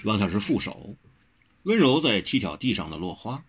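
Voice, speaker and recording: A man narrating a martial-arts novel as an audiobook, with expressive storytelling. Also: on the low side, moderate pace, husky.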